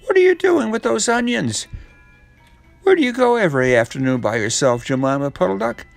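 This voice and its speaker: A man's voice: sits high, lively intonation, brisk, creaky, faint music behind, voice pushed up. A man voicing a stern, suspicious male collie farm dog who questions sharply in a storybook reading. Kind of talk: storybook character voice.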